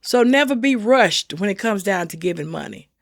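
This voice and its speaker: With a medium-pitched, gravelly, expressive voice at normal speed, a middle-aged woman runs a senior safety channel. She gives heartfelt, down-to-earth advice to the camera, repeating her cautions for emphasis, and the studio sound is clean with no echo.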